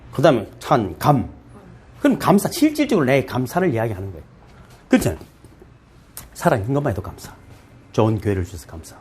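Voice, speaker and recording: Fast, husky Gyeongsang-accented pastor preaching. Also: male voice, mid-range voice. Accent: Gyeongsang Korean dialect. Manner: lively, folksy preaching with playful asides to the congregation. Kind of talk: sermon.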